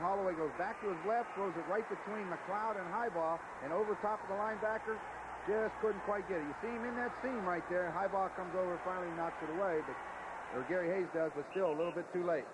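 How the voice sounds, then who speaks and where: Male football analyst, fairly high voice, rapid conversational explanations, loud broadcast noise behind. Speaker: colour commentator.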